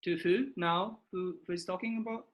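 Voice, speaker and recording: A man's voice: high voice, steady tone, normal speed. A man on a video call asking confused questions in casual chat. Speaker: call participant.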